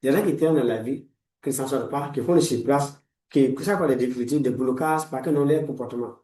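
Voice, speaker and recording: A man's voice: medium pitch, quick pace, warm tone, reverberant, far from the mic, poor audio. A man in his forties, a life coach giving a motivational talk in a preachy, repetitive way, full of blessings. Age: 40s. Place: room lined with books, indoors.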